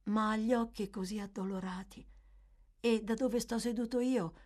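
A woman reading aloud, voicing a frail, timid young boy who speaks softly and hesitantly. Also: on the high side, fairly even intonation, normal speed, pitched above the performer's own voice, lightly acted. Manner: soft, hesitant, wondering.

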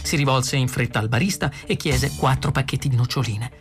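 A man reading a novel aloud as an audiobook narrator, in steady, measured storytelling. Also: mid-range voice, music in the background. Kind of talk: scripted narration.

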